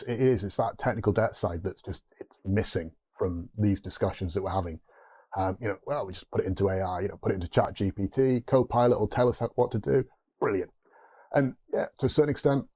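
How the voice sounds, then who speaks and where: Low, mellow-voiced Geordie man rambling. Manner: rambling, restarts mid-thought, rhetorical asides. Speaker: tech video host. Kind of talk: unscripted explainer to camera.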